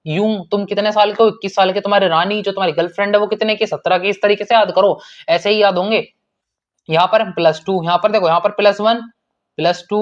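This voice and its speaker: A man's voice: sits high, dull audio. A man teaching an online exam-prep lesson in a casual, repetitive way, calling students brother and checking in often.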